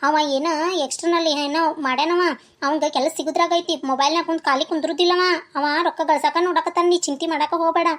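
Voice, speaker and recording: A sweet cartoon schoolgirl, very high and quick, soothing her worried mother, as a woman puts her on. Her North Karnataka Kannada accent comes through soft and eager. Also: fairly even intonation. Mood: reassuring. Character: young schoolgirl daughter, gentle and reassuring.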